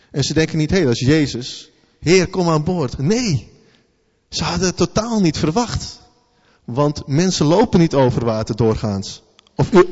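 A man giving a sermon in a loose, conversational way, asking rhetorical questions and often repeating words as he thinks aloud. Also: on the high side. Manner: informal, conversational preaching with rhetorical questions and "hè" tags. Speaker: preacher. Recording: long hall reverb, slightly dull sound.

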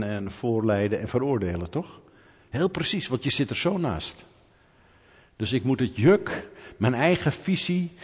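A middle-aged man preaching a conversational sermon, asking rhetorical questions and building to animated emphasis. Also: medium pitch. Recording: dull hall reverb.

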